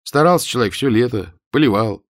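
A man's voice: medium pitch, animated, brisk, no echo, clean studio sound, natural voice. A man voicing a simple-hearted young village soldier who reasons in a folksy, colloquial way. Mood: coaxing reasoning.

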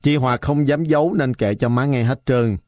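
A man's voice: medium pitch, moderate pace, darkish tone, no echo, clean studio sound. A man narrating a story in a vivid, colloquial style.

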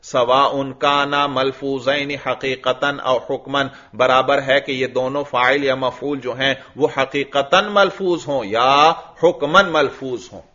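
Bright-voiced man teaching Arabic grammar. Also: mid-range voice, fairly even intonation, few pauses, muffled recording. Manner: reads Arabic lines in a chanting tone, then explains them; addresses listeners as brother, checks they follow. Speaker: religious teacher. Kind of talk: Urdu lecture explaining an Arabic grammar text.

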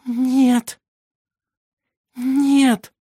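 A woman acts out a frightened young woman in a storybook reading, her anxious pleas coming in breathless exclamations. The voice sits fairly high and the lines are drawn out slowly. The recording is dry and close. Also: level tone, dark tone, slightly rough, no room sound, full character voice. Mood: desperate. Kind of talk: audiobook character reading.

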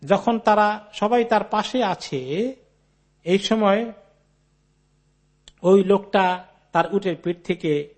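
A man giving an Islamic sermon, reading Arabic slowly and then explaining it in a casual, chatty way. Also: high voice. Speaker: Islamic preacher.

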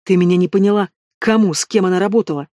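A man voicing a cold, menacing male bandit boss in an audiobook, mocking and low-voiced. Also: fast talker, a little mellow, no echo, studio quality, close to an everyday voice. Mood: threatening. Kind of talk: audiobook reading.

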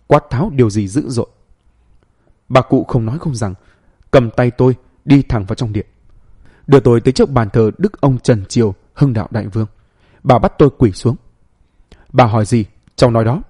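Male storyteller for a horror tale, husky and mellow. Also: mid-range voice. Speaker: narrator. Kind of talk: first-person horror story narration.

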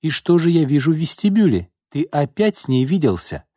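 A man voicing a jealous, hysterical young woman in an audiobook, shrill and accusing. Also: very animated, a little fast, mellow, no room sound, clean studio sound. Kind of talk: audiobook character voice.

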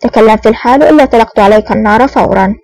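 A woman's voice: on the high side, racing, darkish tone, no room sound, natural voice, low-quality recording. A woman reading a cruel old villain, threatening. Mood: menacing. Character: cruel, sneering older male villain agent.

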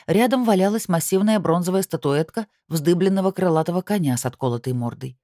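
A woman reading a first-person audiobook with an expressive, lively delivery. Her voice is low, and the recording is dry, close and studio-clean. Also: brisk, dry recording. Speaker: narrator.

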